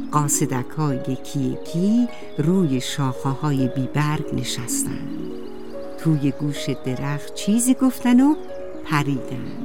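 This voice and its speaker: A woman tells a children's story in a gentle, lilting storyteller voice, slightly low in pitch. She speaks straight to the little listeners. Music plays clearly underneath. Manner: sweet, sing-song, addresses children directly. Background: background music.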